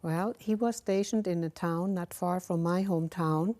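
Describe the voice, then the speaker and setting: An older woman from Germany, married to an army officer, answering interview questions in a hesitant, halting way with many fillers, recorded on a lapel mic in a dark studio. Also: on the low side. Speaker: interview guest, officer's wife.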